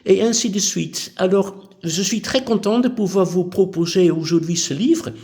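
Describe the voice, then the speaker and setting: Auteur néerlandais retraité, voix aiguë, débit posé et hésitant, néerlandais. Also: male voice, high-pitched, darkish tone. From Netherlands. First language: Dutch. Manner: measured, with frequent hesitations and restarts. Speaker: author. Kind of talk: book presentation.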